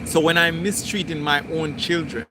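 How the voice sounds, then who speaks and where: A man hosting a spiritual livestream, talking through his thoughts in slow, deliberate, repetitive phrasing. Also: fairly high pitch, fairly even intonation, noisy background. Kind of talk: reflective spoken monologue.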